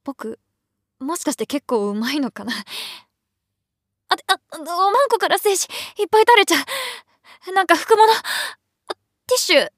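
A woman doing a young boyish girlfriend, very high voice, lively swinging pitch, intimate and breathless, audio role-play. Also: normal speed, pauses often, no room sound, studio quality. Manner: intimate, panting, often whispered.

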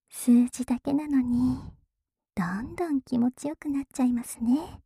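A woman's voice: high-pitched, gravelly, dark tone, slightly rough, dry recording, studio quality. A young woman whispering teasingly right at the ear in an ASMR role-play. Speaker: ASMR performer. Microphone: close binaural mic.

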